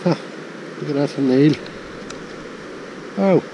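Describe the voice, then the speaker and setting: A man from Ireland talks casually into a head-mounted camera while he hauls in rope on a riverbank. He chuckles wryly at each small find. Wind noise comes through clearly around his voice outdoors. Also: a little high, slow pace, muffled recording. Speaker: magnet fishing vlogger. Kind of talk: casual running commentary. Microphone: head-mounted action camera.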